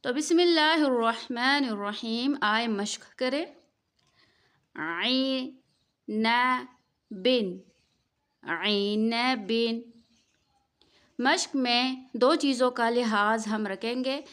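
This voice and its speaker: A woman teaching Quran recitation rules in Urdu with a Pakistani accent, patiently drawing out practice words slowly and asking the listener questions. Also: a little high, fairly bright tone. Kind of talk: tajweed lesson with slow drawn-out practice words.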